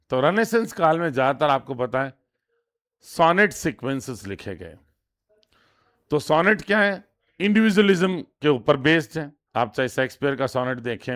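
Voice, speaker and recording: A man teaching an exam-prep lesson, reading each question out slowly and then explaining it step by step with frequent repetition. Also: fairly high pitch, a bit bright. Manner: reads English questions slowly, then translates. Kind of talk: exam lesson in Hindi with English terms.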